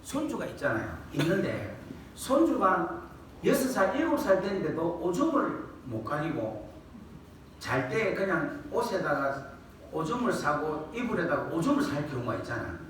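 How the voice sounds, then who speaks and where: Man, revival preacher, animated delivery, echoey church hall, distant mic. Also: a little high, normal speed, a little hiss or hum. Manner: lively, colloquial, asks the congregation questions and acts out quoted scolding. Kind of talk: revival sermon with call and response. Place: church sanctuary.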